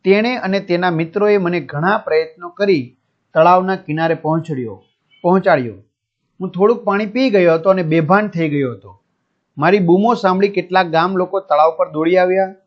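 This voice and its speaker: A man's voice: high voice, moderate pace. A male teacher reads a school lesson aloud and explains the answers step by step to his students. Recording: dull lo-fi recording.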